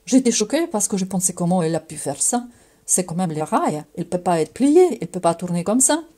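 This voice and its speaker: Earnest Ukrainian woman, mellow and halting. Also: fairly low pitch, big pitch swings. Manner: earnest, halting, many fillers and restarts. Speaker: believer giving testimony. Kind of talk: personal religious testimony.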